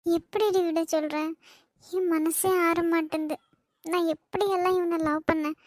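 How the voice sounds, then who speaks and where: A woman doing a crying betrayed girl in a cartoon, Kanyakumari Tamil accent, high tearful voice, dry close mic. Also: fairly even intonation, moderate pace, dry recording. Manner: tearful, pleading. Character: heartbroken young woman, betrayed lover. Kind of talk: cartoon voice acting.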